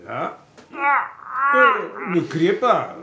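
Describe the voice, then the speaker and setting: Slow-talking, opinionated dentist with a Bulgarian accent; chatty, needling patter. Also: male voice, high-pitched, big pitch swings, sharp tone, exaggerated voice. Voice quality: chatty, needling, chuckling asides. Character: boastful opinionated middle-aged male dentist. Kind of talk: film acting.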